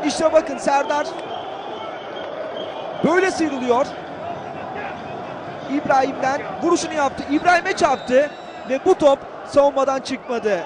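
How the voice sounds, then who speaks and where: A man giving excitable, declamatory live commentary on a football match. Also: extremely high pitch, unhurried, long pauses. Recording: loud stadium crowd noise behind. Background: cheering football stadium crowd.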